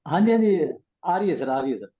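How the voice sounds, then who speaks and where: A man's voice: on the high side, sing-song, fairly quick, husky. Man on a glitchy, breaking-up call line. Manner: brief polite agreeing answers. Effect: choppy, glitchy internet call audio breaking up. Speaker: participant on an online class call. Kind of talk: casual replies on a video call. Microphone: computer or phone on a video call. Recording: dull lo-fi online call audio from a distance.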